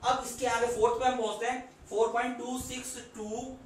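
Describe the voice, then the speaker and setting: Recorded from far off in an echoey room with a little hiss or hum, a male maths teacher explains a whiteboard problem one step at a time. His voice is very high and flat, at a moderate pace. He counts along while drawing and asks rhetorical questions.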